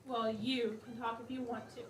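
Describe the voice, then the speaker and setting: A woman's voice: fairly high pitch, flat delivery, moderate pace, a little hiss or hum, close to an everyday voice. A woman playing a domineering, impatient wife in an absurdist stage play, curt and commanding. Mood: impatient, scolding. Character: bossy, impatient, domineering wife called Mommy. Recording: echoey stage, far off, loud music.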